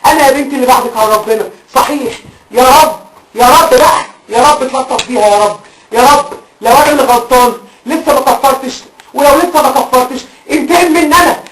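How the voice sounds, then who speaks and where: A man's voice: very high voice, fairly bright tone. Weary, despairing man. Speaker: father character. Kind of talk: amateur film acting. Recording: echoey, distant, faint noise.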